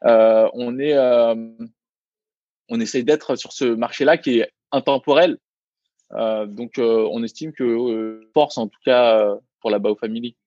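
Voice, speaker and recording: A man co-founder of a restaurant chats on a podcast, hesitant and full of restarts. His voice sits at a middle pitch. The recording is dry and a little dull. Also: fairly even intonation, warm tone, dry recording. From Vietnamese heritage, raised in France. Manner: halting, many fillers and restarts. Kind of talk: casual podcast interview.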